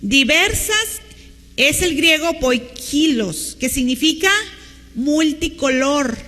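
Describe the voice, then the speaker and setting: A woman's voice: high-pitched, takes it slowly, bright, forceful tone, big-room sound. A woman pastor with a Mexican Spanish accent, preaching a teacherly sermon and asking the congregation questions. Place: church hall with long reverb.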